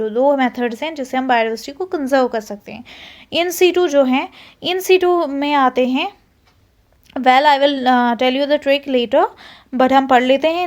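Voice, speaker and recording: A woman with an Indian accent teaching a zoology lesson, mixing Hindi and English terms with frequent restarts. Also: sits high. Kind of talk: explaining a lesson.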